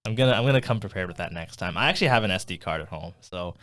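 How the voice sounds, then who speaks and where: A man's voice: deep voice, animated, racing, a bit bright. A young man co-hosting a podcast in a small studio, rambling casually with lots of fillers and laughs. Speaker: podcast co-host. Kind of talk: casual chat. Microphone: studio condenser mic.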